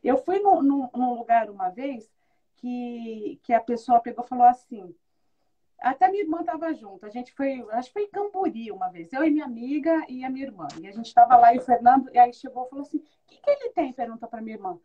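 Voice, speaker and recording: Lively high-voiced woman telling stories. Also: a little fast, highs cut off. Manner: animated storyteller who acts out quoted dialogue; good-humored, laughs often. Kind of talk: casual conversational interview.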